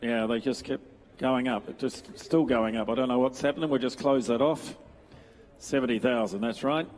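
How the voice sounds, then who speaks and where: A middle-aged man, working as an auctioneer and calling bids in a rapid rhythmic chant, with joking asides between lots. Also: mid-range voice, fairly even intonation, a little mellow. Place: large indoor sales ring. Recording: echoey sales hall with long reverb.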